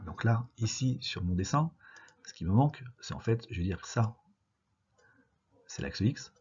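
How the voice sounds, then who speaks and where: Deep-voiced teacher, lo-fi recording. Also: male voice, dark tone. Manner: casual explanatory, many fillers like bah and euh. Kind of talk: recorded engineering lesson over drawings. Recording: dull lo-fi sound with faint noise.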